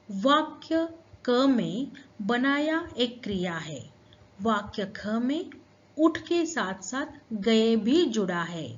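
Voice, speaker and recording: A woman teacher explaining a grammar lesson to schoolchildren, slow and patient. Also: on the high side, dull audio.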